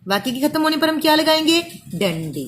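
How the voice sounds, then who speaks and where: High-voiced woman teaching small children. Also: big pitch swings, a little fast, slight background noise. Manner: patient, stretches out sounds syllable by syllable, calls listener "beta". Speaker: primary school teacher. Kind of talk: slow spelling-out lesson for young children.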